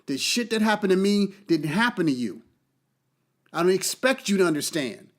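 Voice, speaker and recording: A man's voice: high-pitched, lively intonation, normal speed. A man hosting a podcast, delivering an impassioned, profane monologue and repeating key phrases for emphasis. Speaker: podcast host.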